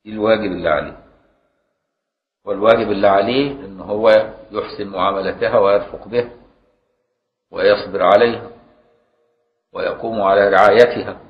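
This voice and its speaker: A man's voice: fairly low pitch, fairly even intonation, fairly quick, pauses often. A man with an Egyptian accent, a religious scholar teaching a classical law text, explaining in a colloquial way and asking rhetorical questions. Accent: Egyptian Arabic. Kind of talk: classroom lecture on Islamic law. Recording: roomy, dull lo-fi lecture recording.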